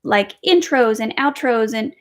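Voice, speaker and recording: A woman's voice: on the high side, animated, a little slow. A woman and mother chatting casually on a home livestream, rambling and reading viewer comments aloud. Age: adult with kids. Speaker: livestream host. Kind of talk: casual live chat.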